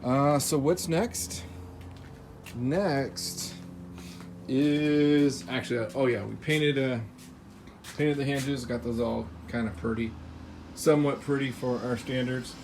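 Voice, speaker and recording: Speaking slowly in a slightly mellow, mid-range voice with fairly even intonation, an American man shares a cheerful, unscripted update on his car build using slangy, informal words. Vehicle and ambient noise are faintly audible.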